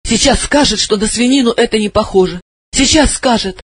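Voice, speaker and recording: A jittery, frightened woman blurts out her lines in a raised, tense voice, as a man reading a story puts her on. Her words come out in sharp exclamations with a breathy edge. It sounds dry and close. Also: moderate pace, no echo. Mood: frightened thoughts. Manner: high-pitched, tense, exclaiming. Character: frightened nervous woman hiding a secret. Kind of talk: audiobook character voice.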